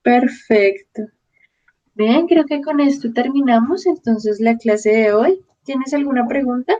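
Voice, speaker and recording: A woman teaching a Spanish lesson, speaking slowly and patiently and pronouncing each word clearly. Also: on the high side, dark tone, highs cut off. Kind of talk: online language lesson.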